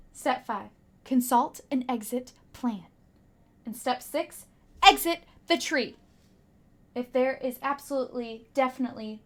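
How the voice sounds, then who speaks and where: Her voice sits high as she, a teacher, performs a children's picture book aloud, leaning on dramatic emphasis and whispering asides to the little ones listening.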